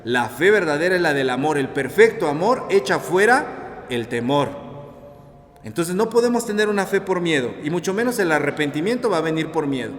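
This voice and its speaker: A man with a Mexican Spanish accent preaching a sermon reflection, lively and colloquial, acting out the voices he quotes. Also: a little high, moderate pace. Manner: animated, acts out quoted voices, colloquial asides. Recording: echoey hall with long reverb.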